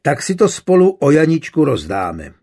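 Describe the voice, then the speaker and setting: A man's voice: a little high, wildly swooping pitch, darkish tone, pitched above the performer's own voice, full character voice. A man voicing a tall, hot-tempered young craftsman who speaks threateningly, in a storybook reading.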